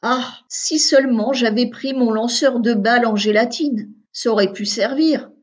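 Woman doing an excitable clever little boy. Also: a little high, moderate pace, natural voice. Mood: hesitant. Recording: dull lo-fi recording.

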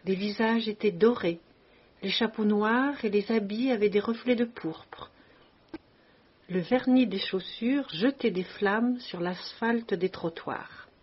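A woman narrating a classic story as an audiobook, expressive and lingering on descriptive phrases, on a dull lo-fi recording. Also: mid-range voice, breathy edge.

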